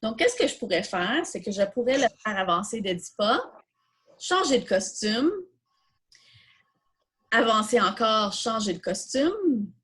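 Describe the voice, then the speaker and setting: Her voice is a little high and sing-song, slightly bright with a breathy edge, and she talks a bit slowly, pausing often. A Quebec French-accented coding instructor, she leads a relaxed step-by-step lesson, posing questions to herself and explaining the answers.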